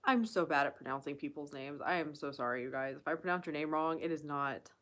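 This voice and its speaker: Blunt, profane woman with a low voice. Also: brisk, fairly bright tone. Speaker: channel host. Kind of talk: casual live Q&A chat.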